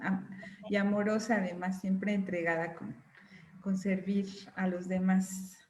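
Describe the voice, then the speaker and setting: A woman's voice: medium pitch, flat delivery, measured pace, darkish tone, reverberant, slight background noise. A woman hosting an online class, calling on participants in turn with an encouraging manner over a video call. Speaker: class host. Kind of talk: casual introductions on a video call.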